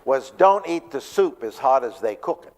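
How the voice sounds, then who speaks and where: A man's voice: medium pitch, expressive, normal speed. A male pastor giving a conversational church talk on stress, often asking the audience questions. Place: church sanctuary. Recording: long reverb of a church hall.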